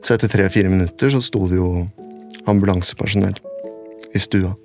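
A man telling his own story in a radio documentary, halting and repetitive, stringing his sentences together with "and then". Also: sits low, steady tone, over music. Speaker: interviewee recounting a personal event. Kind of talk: spoken recollection in a radio documentary.

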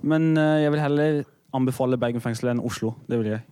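A man's voice: medium pitch, warm tone, smooth, no echo. A young man chatting in casual street slang as a radio panel guest. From Morocco. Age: young adult.

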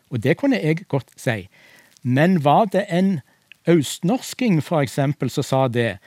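A man's voice: fairly high pitch, a little mellow, dry recording, clean studio sound. A man, a language expert on a radio talk show, explaining pronunciation methodically with worked examples. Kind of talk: radio discussion.

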